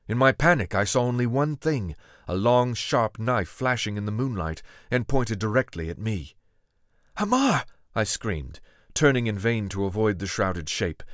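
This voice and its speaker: A man reading a first-person adventure story aloud in a steady, dramatic manner. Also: lowish voice, no room sound, clean studio sound. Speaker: audiobook narrator. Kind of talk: scripted first-person narration.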